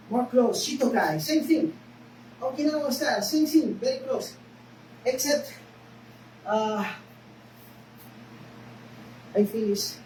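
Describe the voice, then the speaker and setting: Speaking on the high side with a darkish tone, this karate instructor, a native Spanish speaker with a Spanish accent, coaches her class in brief, broken phrases and often checks in with "okay?" The mic is far off in an echoey room, and the recording is noisy.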